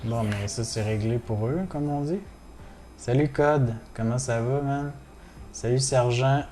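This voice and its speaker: Québécois male streamer, mellow low voice, loose casual chatter peppered with curses, addresses chat directly. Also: a little slow, soft background music. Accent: Québécois French. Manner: swears often, chatty, greets viewers in chat. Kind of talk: casual gaming livestream chat.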